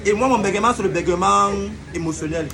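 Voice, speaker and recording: A man's voice: high-pitched, fast, vocal fry, crowd noise. A man hosting a casual comedy video, playfully explaining things and acting out every example himself. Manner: playful, acts out examples with stuttering.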